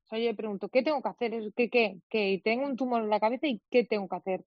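A woman's voice: a little high, fast, dry recording, highs cut off. A young woman from Spain, a guest in an interview, recounting a difficult personal experience with many quoted dialogues and restarts. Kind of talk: emotional personal account in an interview.

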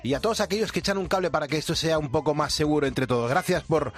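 A man from hosting a late-night radio show, lively and quick to laugh. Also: on the high side. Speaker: radio host.

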